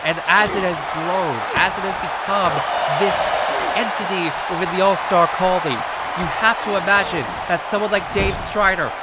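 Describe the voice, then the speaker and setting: A man doing live play-by-play as a wrestling commentator, excitable and wordy, repeating phrases for emphasis. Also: high voice. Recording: loud crowd noise behind the voice.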